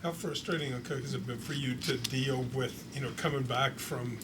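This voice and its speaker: A sports reporter asking a long, hedging question at a postgame press conference. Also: male voice, medium pitch, fairly even intonation, normal speed, heavy background noise.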